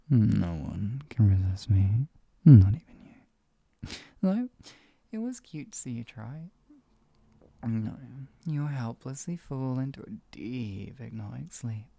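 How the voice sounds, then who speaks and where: A performer voicing a teasing, possessive villainous hypnotist in a soft, breathy ASMR role-play, coaxing and lulling a captive pet. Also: mid-range voice, dull audio, exaggerated voice. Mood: smug, doting. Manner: soft coaxing murmur slipping into close speaks softly.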